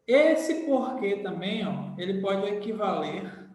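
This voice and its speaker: A man's voice: high voice, big pitch swings, takes it slowly, darkish tone. A man teaching a grammar lesson to a class, repeating key phrases and checking in with his students. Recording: echoey hall, voice far from the mic.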